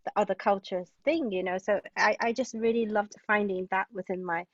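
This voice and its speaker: A woman from Hong Kong, guesting as a playwright, talks enthusiastically about plays, wandering into digressions and peppering her talk with "like" and "you know." Her voice is medium-pitched with fairly even intonation, and her pace is fairly quick. The casual literary discussion is captured in distant, dull, lo-fi sound.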